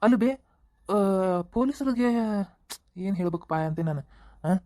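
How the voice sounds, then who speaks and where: A woman's voice: lowish voice, lively intonation, a little slow, a little mellow. A brash young thief, the elder son in a village cartoon, voiced by a woman. He talks with a cocky swagger, forever calling his mother "bē". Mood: puzzled. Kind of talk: cartoon voice acting.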